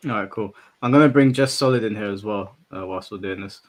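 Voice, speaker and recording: A man's voice: lowish voice, a little fast. A man hosting a casual debate about games. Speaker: host.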